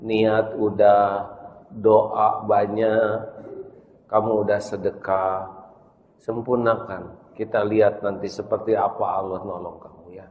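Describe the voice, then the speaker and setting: A man preaching a storytelling sermon, unhurried, acting out dialogue and asking the crowd back. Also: fairly low pitch, flat delivery. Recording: muffled echoey hall with long reverb.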